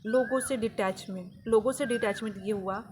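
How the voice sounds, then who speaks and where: Woman, self-healing vlogger, earnest and devotional, slightly high voice, faint hiss behind. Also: normal speed. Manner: earnest, repeats phrases for emphasis; spiritual, devotional. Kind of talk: confessional personal story.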